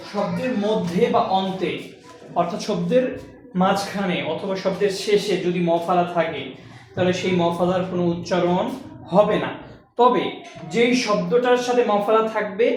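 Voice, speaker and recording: The speaker is a male language teacher giving a classroom lesson, breaking things down step by step and answering the questions he raises. He has a high, darkish-toned voice. The sound is echoey and distant.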